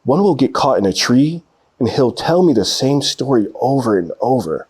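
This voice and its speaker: A man reads a children's picture book aloud with expressive storytelling flair. His voice is medium in pitch and a bit rough, and he keeps a moderate pace.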